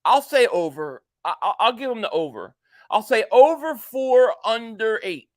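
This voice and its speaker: Reading viewer comments during a football game, this live stream host in his late forties rambles, chats, and jokes. His voice sits high and sounds animated, moving at a normal speed. The recording is studio quality with no echo.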